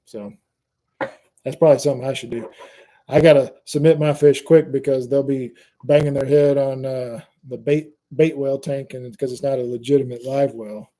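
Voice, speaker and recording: A man, hosting a fishing channel and telling a lively fishing story in casual chat. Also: mid-range voice, normal speed. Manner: animated storyteller, Southern y'all, laughs at own jokes.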